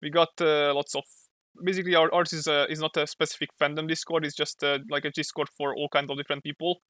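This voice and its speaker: Young hungarian guy streaming art, talks and draws, hunts for english words now and then, sharp tense voice. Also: fairly high pitch, level tone, fast, no room sound. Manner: thinks aloud, sometimes searches for English words. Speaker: streamer and comic artist. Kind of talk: casual livestream chat while drawing.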